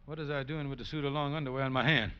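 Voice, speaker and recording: A man's voice: medium pitch, steady tone, racing, bright, forceful tone, clear, resonant tone, lightly acted. An actor playing a scheming, blustering, bumbling man in an old-time radio comedy, with folksy, exclaiming talk. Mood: scheming, excited. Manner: exclaiming, muttering to himself, folksy ungrammatical talk. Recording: noisy, muffled old radio recording.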